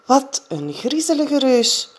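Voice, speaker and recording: A woman voicing a careful, slightly bossy little girl in a high, prim voice. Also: sing-song, slow, breathy edge, exaggerated voice. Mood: matter-of-fact.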